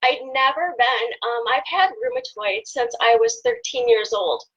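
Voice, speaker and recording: Choked-up woman in her fifties, high voice. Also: big pitch swings, fairly bright tone, husky, muffled recording. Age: 50s. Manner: hesitant, many pauses and fillers, choked up. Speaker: volunteer guest. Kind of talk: emotional personal story on a live stream.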